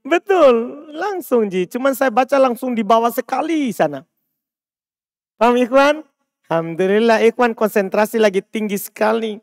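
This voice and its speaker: A man's voice: extremely high pitch, expressive, moderate pace, dry recording, studio quality. A man teaching an Arabic grammar reading class, quizzing students by name and explaining patiently. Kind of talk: classroom text-reading lesson. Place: mosque study circle.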